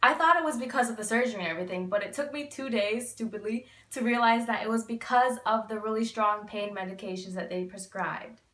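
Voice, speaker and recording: A woman's voice: fairly high pitch, a little fast, hardly any pauses, fairly bright tone. A woman in her twenties chatting casually to camera, explaining things with candid, emphatic asides. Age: 20s. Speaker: vlogger giving recovery advice. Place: small bedroom, indoors. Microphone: camera a few feet away. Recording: echoey room, distant microphone.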